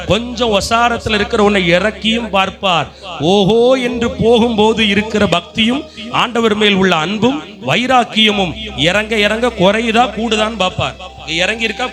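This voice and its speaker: A man preaching a fervent sermon as pastor, pleading and exhorting his congregation and calling out for amens. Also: high-pitched. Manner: impassioned preaching, rising to shouts, calls for amen. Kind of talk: Tamil sermon. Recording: preaching with clear music behind.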